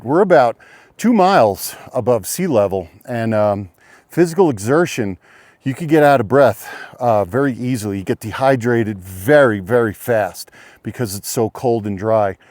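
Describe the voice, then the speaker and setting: A man vlogging casually while hiking outdoors on a snowy lakeside trail, slightly out of breath, explaining things in a relaxed, rambling way with many fillers. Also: medium pitch, normal speed, dry recording, studio quality. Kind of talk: casual outdoor vlog narration.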